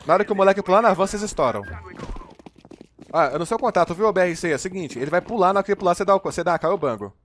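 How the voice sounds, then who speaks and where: A Brazilian man with a Brazilian Portuguese accent calls out a live match. He talks at a rapid clip in a slightly high voice and coaches his viewers as a crew, full of slang and energy. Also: lively intonation, a bit bright, slight background noise. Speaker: game streamer. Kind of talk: live gameplay commentary and coaching.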